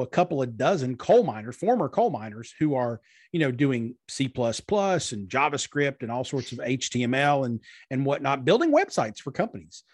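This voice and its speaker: Man, husky voice, dry close sound, earnest interview guest. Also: medium pitch, no room sound. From eastern Kentucky, USA. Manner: earnest, explanatory, with frequent fillers. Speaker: guest, marketing strategist. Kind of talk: conversational interview.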